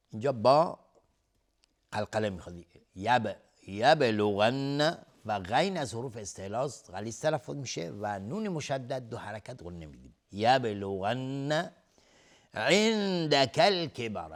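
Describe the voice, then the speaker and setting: A man with a Persian accent leads a recitation lesson. He draws out each verse in a slow, raised chant, then drops into brisk, matter-of-fact explanation of the rules. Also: mid-range voice. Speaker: Quran recitation teacher.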